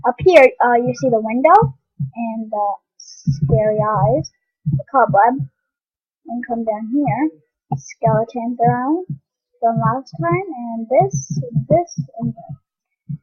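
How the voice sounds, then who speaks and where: A woman's voice: a little high, expressive, slow pace, long pauses, breathy edge, no echo, dull audio. A young woman giving rambling, casual commentary on an online game, full of ums and restarts. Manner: eating while talking. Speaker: game vlogger.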